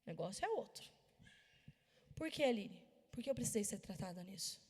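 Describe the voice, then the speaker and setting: A Brazilian woman preaching a sermon in an animated storytelling manner, with sudden loud bursts. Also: medium pitch, fairly quick, breathy edge, in a large hall. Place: church hall.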